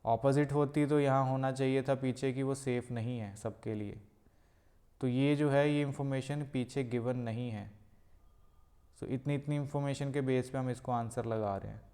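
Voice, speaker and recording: A man teaching a test-prep lesson, explaining step by step in Hindi mixed with English and reading English phrases out slowly. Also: medium pitch, fairly even intonation, warm tone. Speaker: IELTS tutor.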